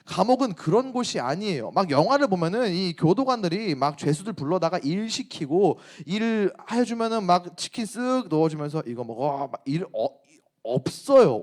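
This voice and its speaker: A man gives a youth sermon in a high voice. He tells the story playfully and with animation, and he keeps turning to his listeners with questions. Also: a little mellow. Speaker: youth pastor.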